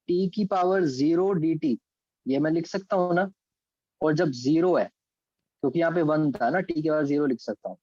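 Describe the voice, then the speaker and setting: This Indian-accented physics and maths teacher works through calculus step by step online, switching into English terms within his Hindi explanations and addressing students by name. He speaks in a slightly high, slightly mellow voice. The audio has no echo, and the highs are cut off.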